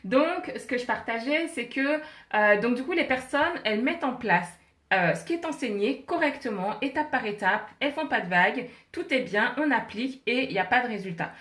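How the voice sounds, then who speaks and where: Woman, MLM coach live on a handheld phone, chatty and upbeat, higher voice, echoey home office. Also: animated, normal speed, fairly bright tone. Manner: chatty, laughs often, greets viewers by name. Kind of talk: casual live-stream chat with viewers. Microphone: phone held in hand.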